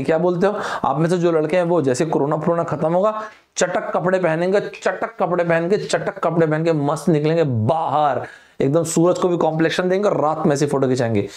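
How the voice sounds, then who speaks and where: Here the young man from India has a slightly high voice with a darkish tone. Teaching Hindi vocabulary online in a lively way, he playfully performs both his own part and his students', quoting from films.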